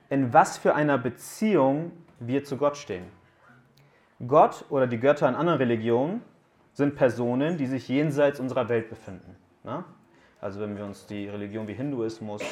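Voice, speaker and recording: A man in his thirties with a medium-pitched voice gives a sermon to young people as a camp youth speaker. In a room with a live audience, he keeps things casual and joking and asks them questions.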